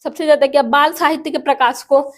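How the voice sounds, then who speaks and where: A woman's voice: high voice, steady tone, fast. A woman teacher going through exam practice questions, asking the class questions and answering them herself. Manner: explains each option by asking and answering herself. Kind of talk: exam prep lesson.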